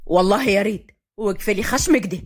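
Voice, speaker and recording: A woman voicing a deep-voiced stern young Upper Egyptian clan head. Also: quick pace, natural voice. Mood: curt, stern. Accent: Upper Egyptian Arabic. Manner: curt and commanding.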